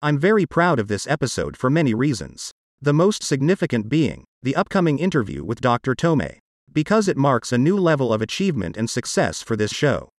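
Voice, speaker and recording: A man's voice: mid-range voice, very animated, fairly quick, no echo. Male podcast host, computer-generated speech-synthesizer voice, swinging intonation on scripted reads, dry sound. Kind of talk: scripted narration.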